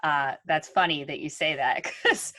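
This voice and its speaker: A woman's low, sharp voice comes through unhurried and echo-free. As a podcast co-host she speaks conversationally, earnest and reflective, with plenty of ums.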